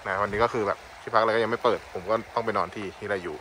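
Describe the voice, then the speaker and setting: A man's voice: fairly low pitch, fairly even intonation, racing, low-quality recording. A man giving casual, chatty travel commentary outdoors by a mountain river, thinking aloud as he walks and tastes food. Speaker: travel vlogger. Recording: loud outdoor background noise.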